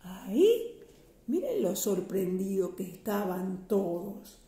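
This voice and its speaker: An older woman with a Rioplatense accent reading a children's picture book aloud, slow, sing-song and expressive. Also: mid-range voice, vocal fry, echoey room. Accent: Rioplatense Spanish. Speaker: storyteller grandmother.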